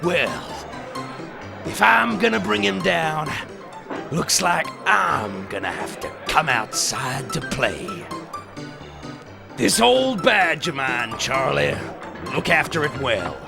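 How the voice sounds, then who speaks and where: A gravelly swaggering sheriff. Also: male voice, a little high, sing-song, slow pace, pauses often, over music, full character voice. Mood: blustering. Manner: blustering, melodramatic. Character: gruff tough Western sheriff man, swaggering. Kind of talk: comedy radio sketch acting.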